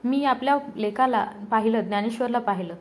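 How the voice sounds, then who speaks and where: A woman's voice: on the high side, fairly quick, close to an everyday voice. A woman reading the lines of a poor older mother who collects garbage and longs for her son, in a storybook telling.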